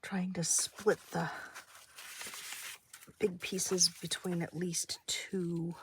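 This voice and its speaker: A woman with a fairly low, level voice speaks very slowly while hosting a craft session at her desk, amid background noise. Her slightly stuffy, nasal voice wanders as she chats casually and thinks aloud, hesitant and meandering, often interrupting herself.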